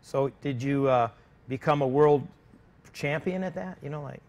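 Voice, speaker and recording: A man's voice: mid-range voice, moderate pace, darkish tone. A man hosting a racing talk show, chatty and loose as he interviews his guest. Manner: chatty, loose, leans on filler phrases. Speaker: show host. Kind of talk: casual TV interview.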